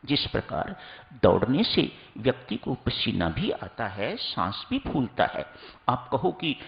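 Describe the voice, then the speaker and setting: Male preacher, unhurried and teaching, pitch rising and falling widely. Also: big pitch swings, vocal fry, dull audio. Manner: slow, instructive, addresses listeners as seekers. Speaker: spiritual preacher. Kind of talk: sermon.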